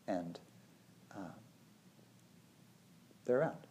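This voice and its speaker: Mellow-voiced man musing conversationally. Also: low-pitched, animated, drawn-out words. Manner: thoughtful, meandering, peppered with "you know" and "like". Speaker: meditation teacher. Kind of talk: casual conversation.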